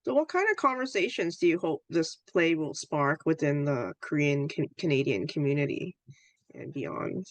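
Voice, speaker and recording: A woman's voice: sits low, very animated, normal speed, no echo. A woman hosting a podcast, asking questions in a casual, slightly hesitant way. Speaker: podcast host. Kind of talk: podcast interview.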